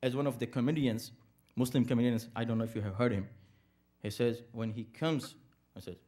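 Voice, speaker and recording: A man's voice: medium pitch, fairly even intonation, brisk, dark tone. A man speaking at an interfaith program, lecturing a live audience and asking rhetorical questions that he answers himself. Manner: emphatic, preacherly. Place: community center event.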